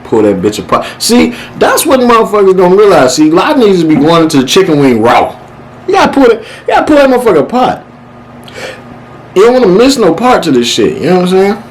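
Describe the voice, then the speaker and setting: With a high-sitting voice, big pitch swings, and a quick pace, this man hosts a casual eating show, chatting through mouthfuls. His mukbang banter is playful, over the top, slangy, and full of profanity, with a slight hiss or hum in the recording.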